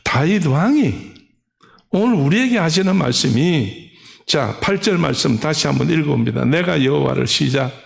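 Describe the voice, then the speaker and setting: A man's voice: on the high side, lively intonation, moderate pace, creaky. A middle-aged male pastor preaching a sermon, telling a story animatedly and acting out the voices of old women.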